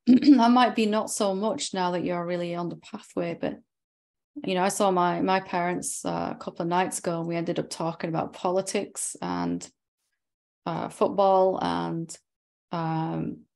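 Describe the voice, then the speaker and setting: Woman teacher leading a satsang, gravelly and lower-pitched, reflective and gently probing. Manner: reflective, gently probing, ends points with tag questions. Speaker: spiritual teacher. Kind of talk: satsang dialogue with a student.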